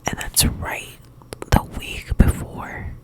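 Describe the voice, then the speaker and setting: Woman in a quiet, late-night ASMR whisper. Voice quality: breathy, unvoiced whisper. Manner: rambling, halting, filler "like". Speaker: ASMR video host. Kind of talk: whispered ASMR ramble, casual personal chat.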